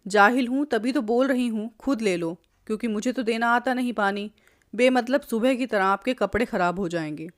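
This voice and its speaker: A woman's voice: a little high, moderate pace, no room sound, clean studio sound, lightly acted. A woman voicing a timid, meek young wife in a family story. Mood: defiant. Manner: meek, pleading. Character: timid young wife, tearful then defiant.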